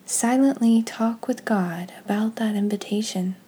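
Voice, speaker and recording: Reading scripture and leading a guided prayer, a woman speaks in a hushed, unhurried, meditative manner. Her mid-range voice is soft, breathy, and husky.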